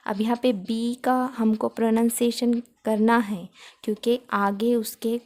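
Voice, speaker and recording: Slow woman drilling words. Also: a little high, little pitch movement, darkish tone. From Maharashtra, India. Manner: slow, repeats each word several times to drill pronunciation. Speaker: English teacher. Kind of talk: spoken English lesson.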